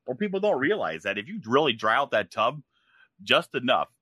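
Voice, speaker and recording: A man's voice: mid-range voice, big pitch swings, brisk, pushed and bright, breathy edge, no echo. A man, a podcast guest who grows mushrooms, talking bluntly with plenty of swearing. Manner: blunt, profane, ranting. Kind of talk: casual chat.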